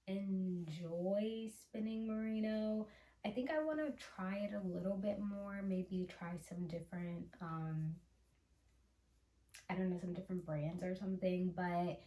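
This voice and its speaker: A woman hosting a casual show-and-tell vlog, chatty and unhurried, with soft laughs and fillers. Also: medium pitch, echoey room. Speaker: channel host.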